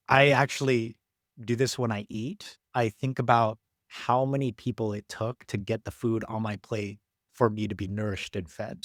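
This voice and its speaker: An American man hosting a podcast, talking in a relaxed, reflective and chatty way with lots of "like"s. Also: medium pitch, no echo, clean studio sound. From United States. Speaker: podcast host. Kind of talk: casual podcast conversation.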